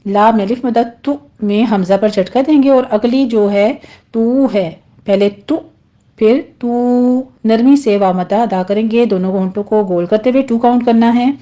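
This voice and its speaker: A woman's voice: fairly high pitch, mellow, lo-fi sound. A woman teaching Quran recitation rules step by step, patiently explaining each sound and modelling the correct pronunciation. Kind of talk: tajweed lesson.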